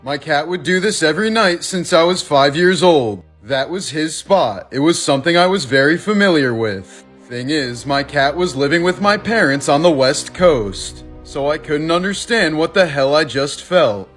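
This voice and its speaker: A man reading creepy facts and stories in a measured, scripted narration. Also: a little high, lively intonation, a bit bright, soft background music.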